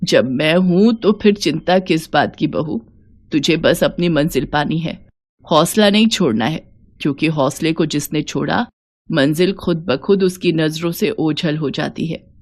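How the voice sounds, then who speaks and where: A woman voicing a gentle, loving old mother-in-law who speaks softly and slowly. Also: sits low. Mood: tender. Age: older.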